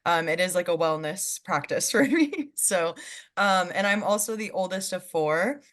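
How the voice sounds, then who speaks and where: A young California woman in her twenties joins a video call as a guest panelist, chatting casually with plenty of "um"s and quick, easy laughs. Her voice is fairly low in pitch and fairly bright, animated, at a normal speed.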